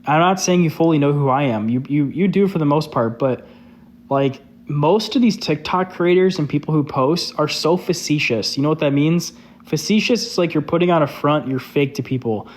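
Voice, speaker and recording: Moderately paced and pitched on the high side, a young man's voice carries his casual live stream chat. As a social media creator, he's loose and candid, and "like" turns up in nearly every phrase.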